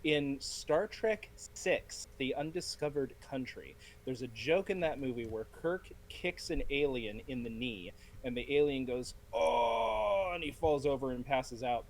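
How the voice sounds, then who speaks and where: Guy ranting about movies, animated storyteller, average pitch. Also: measured pace, few pauses, slight background noise, poor audio. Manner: animated storyteller who acts out quoted lines. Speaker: podcast panelist. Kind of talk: casual film discussion.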